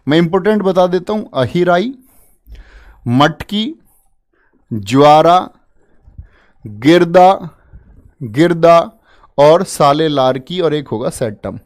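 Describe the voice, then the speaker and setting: A man's voice: on the high side, lively intonation, a little slow. A man teaching an exam-prep lesson in a casual, playful way, coaxing students along with jokey memory tricks. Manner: chatty, addresses listeners as "bhai".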